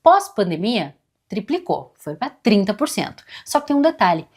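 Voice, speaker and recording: A woman presenting an upbeat scripted sales pitch. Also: very animated, normal speed, darkish tone, slightly rough.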